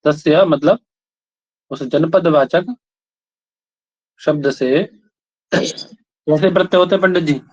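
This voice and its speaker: A man's voice: fairly high pitch, slow pace, pauses often. Man teaching grammar, quizzing students. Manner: repeats questions, prods students for answers. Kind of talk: classroom lesson, questioning students. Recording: dull lo-fi sound.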